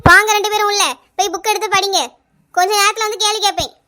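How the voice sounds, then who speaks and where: A woman's voice: extremely high pitch, fairly even intonation, pushed and bright. Woman voicing scolding Tamil cartoon mother. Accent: Kanyakumari Tamil. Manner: scolding, rapid. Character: scolding village mother Chinnaponnu, anxious and strict. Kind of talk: cartoon voice acting.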